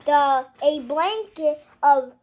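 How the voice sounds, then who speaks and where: A child reads a picture book aloud in an animated way at home in the living room, high-voiced and going at a slow, halting pace. The child presents like a young host, playful, with exclamations and small asides to the audience.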